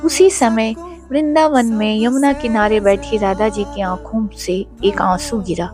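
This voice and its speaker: A woman's voice: a little high, steady tone, measured pace, over music. Woman narrating an emotional devotional story.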